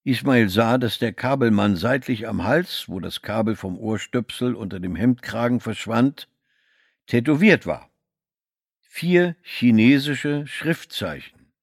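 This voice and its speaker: A man reading a novel aloud as scripted audiobook narration, giving the characters' lines small shifts in pitch. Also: animated, measured pace, no room sound, studio quality.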